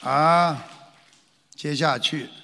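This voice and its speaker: A man lecturing an audience on traditional culture, animated and full of rhetorical questions, now and then acting out frightened voices. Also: a little high, very slow, vocal fry, in a large hall, a little hiss or hum.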